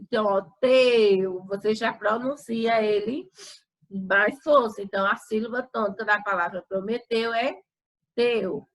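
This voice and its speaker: A woman's voice: mid-range voice, normal speed, a bit bright, rough recording. A woman teacher with a Brazilian accent going over homework answers, patiently stretching words out syllable by syllable. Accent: Brazilian Portuguese. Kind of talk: explaining homework corrections.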